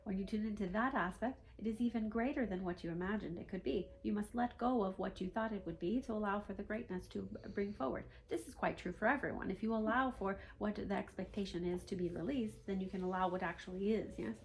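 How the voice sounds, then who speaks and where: A woman voicing a calm, authoritative spirit guide as a trance medium, in formal stilted phrasing that often ends on a questioning "yes?". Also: medium pitch, quick pace, hardly any pauses, natural voice, poor audio. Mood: calm, instructive. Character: calm, authoritative male spirit guide teaching human seekers. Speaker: trance channeler. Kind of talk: seance medium channeling a spirit guide, teaching. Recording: faint background noise.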